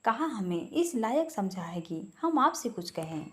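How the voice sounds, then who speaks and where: A woman voicing a shy young woman who talks softly and hesitantly. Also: mid-range voice, big pitch swings, measured pace. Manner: soft, hesitant, quiet.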